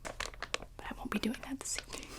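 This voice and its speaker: In a hushed, breathy whisper, a female ASMR host talks with her audience, leaving hesitant gaps between brief phrases.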